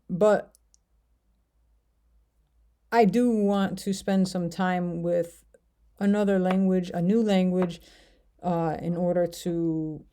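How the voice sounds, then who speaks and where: An American woman who vlogs about language learning chats casually to camera in a lowish, warm voice. Her talk rambles and hesitates, with many fillers.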